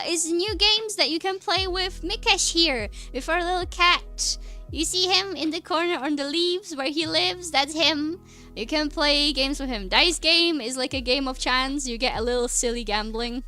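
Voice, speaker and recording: A young Czech woman, a native Czech speaker, chats casually on stream while drawing as an artist streamer. Her voice is high, pushed and bright at a normal speed, and she rambles, laughs often and hunts for words. Faint music plays behind her.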